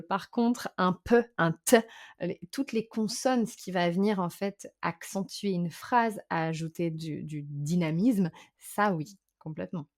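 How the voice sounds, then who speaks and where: A woman vocal coach and singer, speaking as a podcast guest in a thoughtful, explanatory way, often pausing on fillers. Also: fairly low pitch, a little mellow. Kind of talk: conversational interview.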